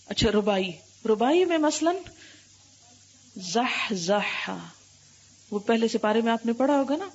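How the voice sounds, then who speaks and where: A woman Islamic scholar giving an Arabic grammar lesson, quizzing her students often and drawing out letters and examples slowly. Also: on the high side, animated, darkish tone, highs cut off. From Pakistan. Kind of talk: classroom lecture with questions to students.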